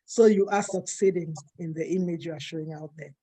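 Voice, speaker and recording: A woman's voice: lowish voice, steady tone, a little fast, warm tone. A woman from Cameroon, speaking earnestly and emphatically as a co-host in a panel discussion.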